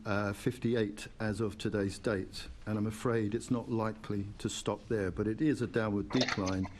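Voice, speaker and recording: A man's voice: lowish voice, darkish tone. A man, a charity chief executive, giving direct, firm evidence to a council committee in its chamber. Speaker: invited panel witness, charity chief executive.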